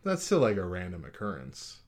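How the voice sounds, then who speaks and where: A man co-hosting a relaxed chat show, reading list items aloud and laughing between them. His pitch rises and falls with animated swings. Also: a little fast. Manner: laughs often, reads rules aloud. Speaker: podcast co-host. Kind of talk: casual chat.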